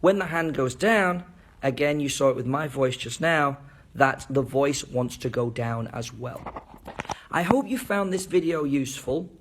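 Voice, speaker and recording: A man's voice: medium pitch, expressive, unhurried, slight background noise. A man giving an enthusiastic video lesson on intonation, demonstrating rising and falling tones with his own voice. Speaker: teacher trainer.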